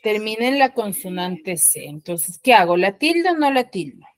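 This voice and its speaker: A mid-range female voice with big swings in pitch, recorded dry on a computer mic during a video call. This secondary school language teacher leads her online class patiently, constantly checking comprehension with quick questions.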